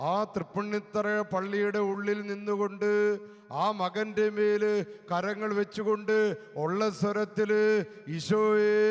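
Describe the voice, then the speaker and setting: High-voiced Malayali priest preaching in a reverberant space. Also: male voice. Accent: Kerala Malayalam. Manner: slow, emphatic preaching with dramatic drops to soft, low speech. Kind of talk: sermon with personal testimony.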